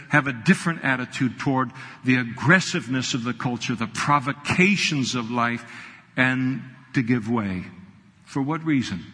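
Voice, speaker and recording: A man's voice: medium pitch, fairly bright tone, breathy edge. A man pastor preaching a sermon in a conversational way, with quoted asides to the congregation. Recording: reverberant hall.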